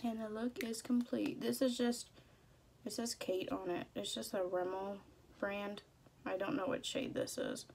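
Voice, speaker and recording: A woman's voice: mid-range voice, flat delivery, unhurried, vocal fry, a little mellow, a little hiss or hum. A young woman chatting casually through a makeup tutorial in a playful, slangy way. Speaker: beauty vlogger.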